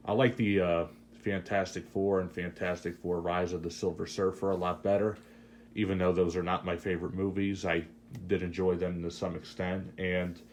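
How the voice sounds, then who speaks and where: A man giving a casual, unscripted review as host, with halting, hesitant phrasing. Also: deep voice.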